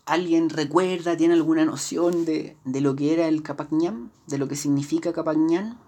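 A woman with a Chilean Spanish accent teaches a live history lesson indoors, explaining from slides with many fillers and restarts. Her voice is low, mellow and breathy-edged, moving at normal speed.

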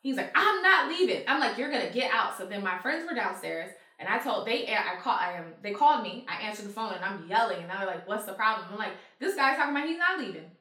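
A woman in casual conversation who tells her stories with energy, acting out heated back-and-forths and swearing freely. Her voice is bright and forceful. It rings in an echoey room, and she sits a little away from the mic. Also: mid-range voice, fast talker, hardly any pauses, recorded from a distance. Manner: animated storyteller, acts out heated quotes, swears freely. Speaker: guest telling stories. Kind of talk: casual chat.

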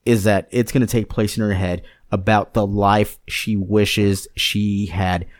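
A man's voice: on the low side, flat delivery, unhurried, no room sound, studio quality. A man co-hosting a casual chat show, rambling along with frequent restarts and fillers. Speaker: podcast co-host.

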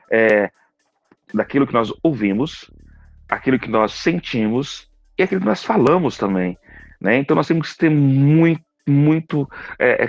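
A man's voice: medium pitch, no echo. A man with a Brazilian accent, a psychologist hosting a podcast, giving an earnest, folksy motivational monologue. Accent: Brazilian Portuguese. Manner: earnest, folksy, frequent "né" tags. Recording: dull, dry recording with faint music.

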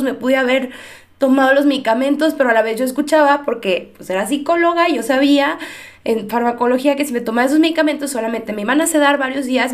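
A young woman giving an earnest, emotional personal faith testimony with pauses. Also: high voice. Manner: earnest, emotional storytelling with pauses and soft laughs.

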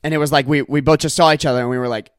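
A man's voice: a little high, steady tone, racing, clear, resonant tone, dry recording, studio quality. A young man hosting a solo comedy podcast, doing exaggerated mock-angry rants laced with swearing. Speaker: podcast host.

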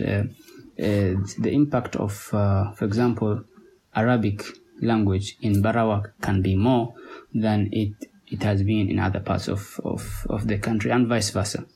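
A man with a Somali accent, a native Somali speaker, talking as a podcast guest in a halting way, with many pauses and repeated words. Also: on the low side, steady tone, creaky, a little mellow, slight background noise. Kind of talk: conversational interview.

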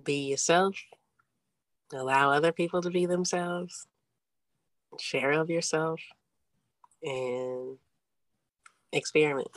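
A woman guest on a podcast with a lowish voice, talking in a blunt, relaxed way and cursing casually. The sound is dry and close. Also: slow pace, pauses often, no echo, rough recording. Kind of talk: casual candid conversation.

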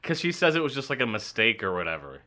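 A man talking through a movie in a casual chat, full of jokes and quick teasing. His voice is bright and swings up and down a lot. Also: mid-range voice, sing-song. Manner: joking, teasing, laughs often.

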